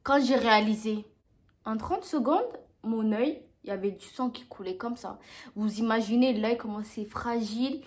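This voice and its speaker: A woman's voice: on the high side, normal speed. A young woman telling a dramatic story to camera in a casual storytime vlog, acting out what people said. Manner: animated, dramatic retelling with acted-out quotes. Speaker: vlogger.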